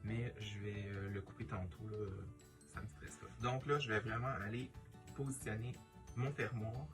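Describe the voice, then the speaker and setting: Quebec french guy doing a casual how-to, kinda low voice, hesitates and thinks out loud, music clearly playing behind him. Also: fairly even intonation, moderate pace. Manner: hesitant, thinking aloud while working. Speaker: sewing tutorial host. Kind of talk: casual hands-on demonstration.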